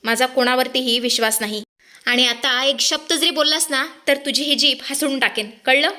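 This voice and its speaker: A scheming young villain from a retold soap story, cruel and threatening, read out by a woman. The voice stays high and bright, close to the reader's own. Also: steady tone, moderate pace. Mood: menacing. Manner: menacing threats told in retelling.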